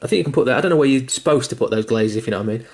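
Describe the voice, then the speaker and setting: Racing along with lively intonation, a young man in a mid-range, slightly mellow voice gives an informal tutorial on painting miniatures. He rambles a little, uses fillers and restarts, drops the odd swear word, pokes mild fun at himself, and keeps hiccuping.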